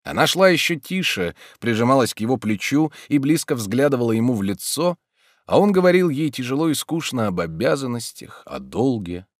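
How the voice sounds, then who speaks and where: Reading an audiobook, a man with a mid-range voice tells the story in a calm, measured way. The sound is clean studio quality without any room sound.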